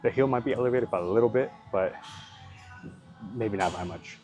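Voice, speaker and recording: Guy with a lowish voice chatting thru his leg day at home, rambly, faint music behind. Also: normal speed, a little mellow. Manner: rambling, thinks aloud, hedges and swears casually. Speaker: fitness vlogger. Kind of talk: casual workout commentary.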